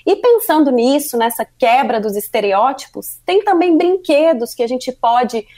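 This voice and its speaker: A Brazilian Portuguese woman speaks as an interview guest. Her voice sits high, and she explains her points in an earnest, structured way, often adding a questioning tag. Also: expressive, normal speed, a little mellow. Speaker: guest, workplace parenthood consultant. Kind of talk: interview answers.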